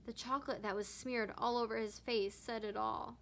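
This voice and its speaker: A woman teacher reading a children's picture book aloud with expressive narration. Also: on the high side, normal speed, gravelly, a little hiss or hum. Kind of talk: storybook read-aloud.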